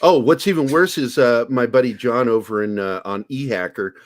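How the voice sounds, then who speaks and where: A man's voice: medium pitch, normal speed. A man hosts a casual podcast chat in a mid-range voice. He is crude and jokey, and laughs easily between stories. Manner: crude, joking, laughs often. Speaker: podcast host.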